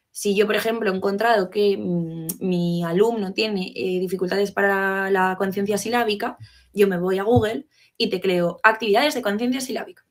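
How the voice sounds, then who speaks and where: A woman giving an explanatory talk to fellow professionals, asking rhetorical questions and checking in often. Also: medium pitch. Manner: teacherly, poses rhetorical questions, frequent "¿vale?" check-ins. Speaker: educator giving a talk on literacy.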